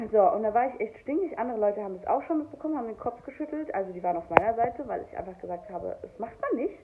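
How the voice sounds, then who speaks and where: A woman's voice: fairly high pitch, animated, fast talker. Young woman in her 20s ranting about a story, all worked up, sounds like a phone line. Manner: heated, indignant retelling. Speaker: young mother telling a story. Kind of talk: storytime vlog. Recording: tinny phone-like sound, faint noise.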